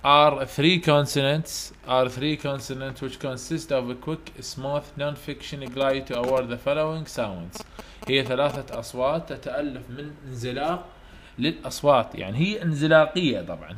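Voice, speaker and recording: Iraqi male lecturer, mid pitch, slow on the English, quizzes his students. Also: a bit bright, a little hiss or hum. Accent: Iraqi Arabic. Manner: explains in Arabic, reads English questions slowly and carefully; asks students questions and answers them himself. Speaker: university English teacher. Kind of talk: online lecture.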